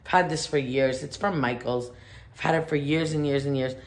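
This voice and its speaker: A woman's voice: a bass voice, steady tone, fairly quick. A woman showing how she decorates, chatting to viewers with enthusiastic questions as she works. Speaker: home decor vlogger. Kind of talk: casual decorating tutorial. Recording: echoey room.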